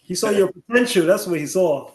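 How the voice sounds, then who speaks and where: Man, interviewer, high voice, echoey room, relaxed questions. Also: a little fast. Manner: laid-back, laughs along, prompting questions. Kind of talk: casual interview. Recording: roomy echo.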